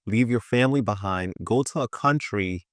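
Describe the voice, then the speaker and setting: Heard in studio-quality audio with no echo, a man in his thirties speaks at a normal pace in a fairly low voice. Born in Ghana and raised in Brooklyn, New York, the venture capital partner recounts personal stories conversationally as an interview guest, repeating phrases to stress them.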